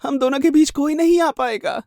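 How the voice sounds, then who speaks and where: A man voicing an unhinged, jealous woman who taunts with slow, drawn-out menace in a horror storybook narration. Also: very high voice, a little mellow, no room sound, clean studio sound, voice pushed up. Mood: crazed, taunting. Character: unhinged jealous knife-wielding woman, shrill.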